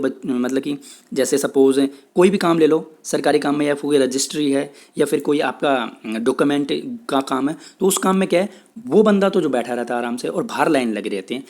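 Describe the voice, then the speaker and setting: Man teaching vocabulary, slow-spelled definitions. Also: fairly high pitch, darkish tone. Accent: Indian English. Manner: repetitive, checks in with "theek hai", says English definitions slowly. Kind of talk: Hindi-English classroom lecture.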